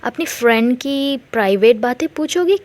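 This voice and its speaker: A woman playing a cheeky mother with a blunt, teasing way of talking in a storybook tale. Her voice sits slightly high. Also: expressive, normal speed, no room sound, natural voice. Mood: scolding.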